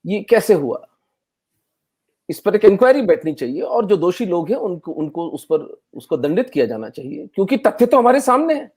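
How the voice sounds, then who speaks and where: Indignant man, high-pitched. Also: very animated, fairly quick, few pauses, husky. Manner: forceful, indignant, switches into English phrases. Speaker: guest historian. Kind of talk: impassioned interview answer.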